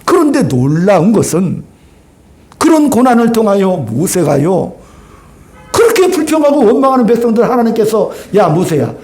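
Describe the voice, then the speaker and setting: A male pastor preaching a sermon, acting out dialogue and asking the congregation questions. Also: high voice. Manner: animated, acts out dialogue, asks the congregation questions. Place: church sanctuary.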